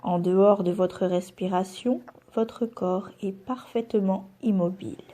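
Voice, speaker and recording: Using a mid-range voice, a woman acting as a yoga nidra instructor leads a relaxation meditation. Each calm, soothing instruction comes at a measured pace, with pauses in between.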